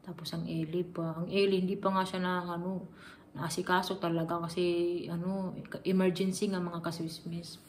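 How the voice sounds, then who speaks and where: Flat-voiced Filipina vlogger, earnest. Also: female voice, lowish voice, moderate pace, a little hiss or hum. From Philippines. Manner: earnest, confiding, addresses viewers directly. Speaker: family vlogger. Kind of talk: casual personal storytelling to viewers.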